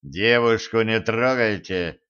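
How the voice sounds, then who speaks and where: A man voicing a sly, proud old male sorcerer who bristles quickly, read slowly in a slightly dull recording. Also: on the low side, fairly bright tone, smooth. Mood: threatening.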